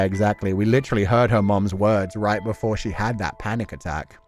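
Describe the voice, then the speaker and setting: Streaming a game, this man speaks in a fairly low, darkish voice, reacting emotively and casually as he picks apart the story. Sweary throughout, he voices what he imagines the characters are thinking.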